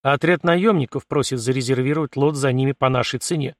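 A man's voice: medium pitch, fairly quick, no echo, natural voice. A man voicing a wry, sarcastic male ship artificial intelligence in an audiobook, with a dry, mocking, matter-of-fact delivery.

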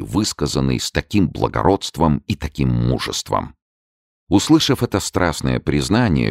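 A man narrating an audiobook of a classic novel in a dramatic, expressive way. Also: rumbling low, vocal fry, no echo, studio quality.

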